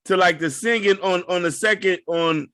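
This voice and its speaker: A middle-aged man hosts a casual interview, easing into his questions with loose, slangy talk. His voice sits a little on the high side for a man and sounds dry and close to the mic. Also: clear, resonant tone, no room sound. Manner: relaxed, drawn-out slangy delivery. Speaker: radio show host.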